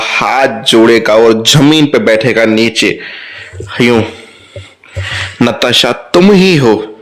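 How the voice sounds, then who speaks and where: A man's voice: medium pitch, fairly bright tone. A man casually retelling a TV serial episode, briefly voicing the characters' lines and adding light asides to viewers. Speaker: TV serial recap host.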